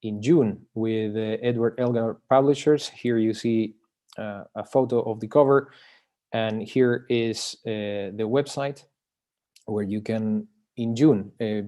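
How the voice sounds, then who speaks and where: A man from Chile, presenting his book over a video call in an academic talk, pausing often with filler sounds and restarting phrases. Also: on the low side, fairly even intonation, dark tone.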